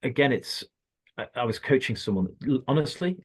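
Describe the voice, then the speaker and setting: A man's voice: mid-range voice, expressive, fairly quick, slightly rough. A man, a coach, telling a story in casual chat and acting out the quotes as he goes. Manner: anecdotal, acts out quotes in the story.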